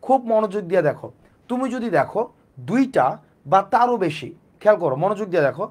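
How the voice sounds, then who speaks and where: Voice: medium pitch, sing-song, fast talker, a little mellow. An English teacher, giving a live online class. The teacher repeats sounds over and over and asks and answers their own questions.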